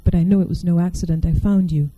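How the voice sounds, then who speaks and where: A woman reading aloud as a mysterious male being, speaking quietly, measured and intimate. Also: lowish voice, fairly even intonation, highs cut off, close to an everyday voice. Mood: solemn. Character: mysterious seductive male otherworldly being, calm and commanding.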